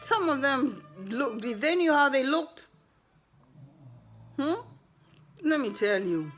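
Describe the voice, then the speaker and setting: An older woman telling a personal story to the camera with indignant, animated energy and laughs. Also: sits high, slow, soft background music. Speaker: vlogger.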